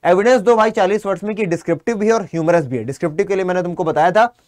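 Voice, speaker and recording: A male teacher takes his students through a reading passage, reading each line slowly before explaining it and quizzing them. His voice sits fairly high. The sound is close and dry, with no room echo. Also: a little mellow. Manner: addresses students directly, asks and answers his own questions; reads English lines slowly, then explains them in Hindi. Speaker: English teacher. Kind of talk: exam-prep lesson, reading and explaining a passage.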